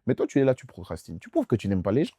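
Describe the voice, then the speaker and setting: A man's voice: lowish voice, wildly swooping pitch, very fast, dark tone, slightly rough, no room sound. A young man preaching as pastor in a youth question-and-answer session, emphatic and insistent, repeating phrases straight at the listener.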